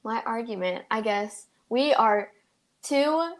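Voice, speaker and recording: A woman's voice: a little high, lively intonation, slow. A young woman co-hosting a casual podcast, laid-back and wry, giggling often. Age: young adult. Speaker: podcast co-host. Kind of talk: casual chat.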